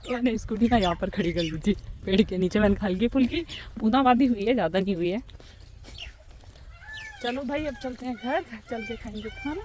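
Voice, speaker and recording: A woman's voice: fairly high pitch, expressive, brisk, a little mellow, slight background noise. A woman vlogging outdoors, chatting casually and narrating what she sees to her phone camera. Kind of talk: casual vlog chat. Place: outdoors by a ground and trees.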